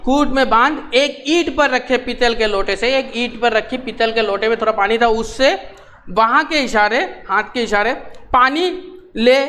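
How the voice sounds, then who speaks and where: A man's voice: extremely high pitch, sharp tone. A male teacher reading a textbook story and stopping to gloss each phrase, with frequent light laughs. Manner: repeats lines and glosses words, laughs often.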